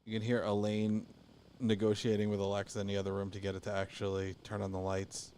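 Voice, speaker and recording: Man co-host on a gaming stream; deep, smooth, laid-back and musing. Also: completely flat delivery, fast, a little mellow. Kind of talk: casual gaming chat.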